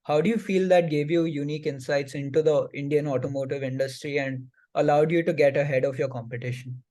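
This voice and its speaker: A man's voice: a little high, steady tone, a little fast, mellow. Formal male interviewer reading questions.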